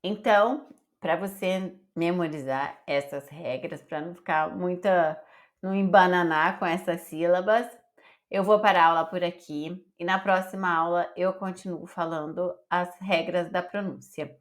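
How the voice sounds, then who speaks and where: A woman teaching an online Italian pronunciation lesson, slowly spelling out letters and sounds one by one. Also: lowish voice, steady tone. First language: Portuguese.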